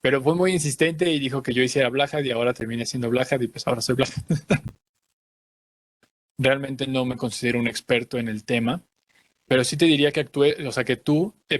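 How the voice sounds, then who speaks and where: A man's voice: mid-range voice, no room sound. Thoughtful man explaining. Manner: explanatory, searches for words, repeats himself. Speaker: cartoon creator giving a talk. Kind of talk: conference talk.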